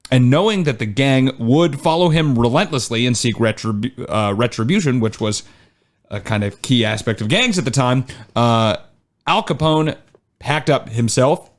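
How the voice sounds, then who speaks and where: A male podcast host with a mid-pitched voice reads from his researched history notes in a loose, chatty way. He fills pauses with "uh" and drifts into joking asides before getting back to the story.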